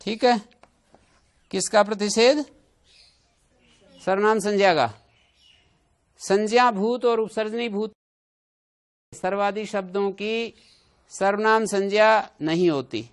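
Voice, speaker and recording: A man's voice: high-pitched, takes it slowly, pauses often. A man teaching a Sanskrit grammar class, explaining rules with everyday examples and putting questions to his students.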